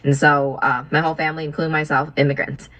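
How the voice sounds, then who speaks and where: On a rough recording, a deep-voiced young woman from Vietnam talks quickly but flatly with a business partner on a video call. She keeps things casual and friendly, asks questions, and fills gaps with fillers and gentle laughter.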